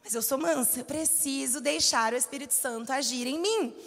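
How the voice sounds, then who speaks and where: A woman's voice: high voice, moderate pace, a bit bright. A woman in her thirties with a Brazilian Portuguese accent, preaching a conversational sermon and telling personal stories, acting out the lines of the people in them. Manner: conversational, storytelling with acted-out quotes. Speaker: church speaker. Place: church. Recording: long hall reverb.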